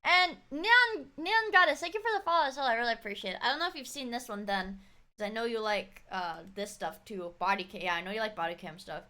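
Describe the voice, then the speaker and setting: A woman livestreaming casual chat and slangy, expressive commentary with mocking asides. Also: on the high side, fast. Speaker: streamer reacting to true-crime videos.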